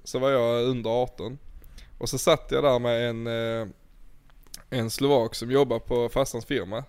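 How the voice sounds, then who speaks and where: A man's voice: medium pitch, vocal fry. A young man in casual chat, laid-back and swearing, telling stories with laughs. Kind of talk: casual storytelling.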